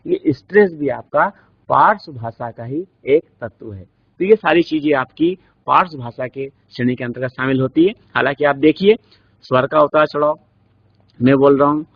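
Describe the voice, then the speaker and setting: A lecturer with an Indian accent, his voice slightly raised and husky. He explains patiently through examples and rhetorical questions. The recording sounds dull and lo-fi. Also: a little high. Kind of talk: classroom lecture. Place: classroom studio.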